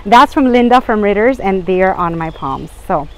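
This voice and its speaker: A woman's voice: mid-range voice, lively intonation, moderate pace, rough recording. A woman vlogger chatting casually and a little ramblingly as she shows plants, recorded outdoors on a handheld phone. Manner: chatty, rambling, apologetic asides. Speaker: vlog host. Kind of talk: casual chat while showing garden plants. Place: outdoors in a home garden and patio. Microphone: handheld phone behind the camera.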